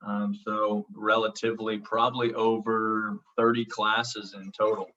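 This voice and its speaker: A thirties-aged man with an Oklahoma accent introduces his online college course, speaking unhurriedly in a fairly low, flat, pushed and bright voice. He reassures casually, says um a lot, and checks in with "okay?". Captured over a video call, the audio is dull, lo-fi, and distant.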